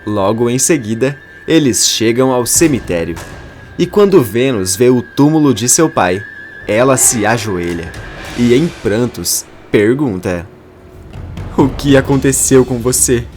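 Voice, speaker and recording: Slow man narrating a soap summary. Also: medium pitch, expressive, darkish tone, soft background music. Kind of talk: scripted soap opera narration.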